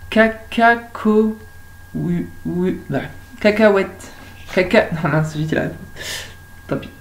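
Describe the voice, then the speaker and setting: A French woman teaching young children at home, speaking slowly and stretching out words so they can follow. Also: deep voice, steady tone, creaky, rough recording. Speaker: kindergarten teacher.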